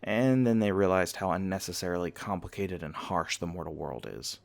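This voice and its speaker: Speaking at a normal speed with a low pitch and vocal fry, a man takes on the role of a vampire university student leading a tour. The ASMR roleplay is conversational and relaxed, full of gentle ribbing and informative chat aimed at the listener.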